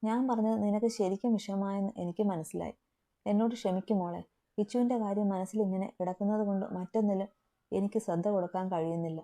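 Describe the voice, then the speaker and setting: A brooding, intense young man, stern and possessive with his lover, as a woman reads him aloud. The voice sits dark and mellow. It comes from a romantic audio story. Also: mid-range voice, fairly even intonation, quick pace, lightly acted. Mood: tender. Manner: stern then tender.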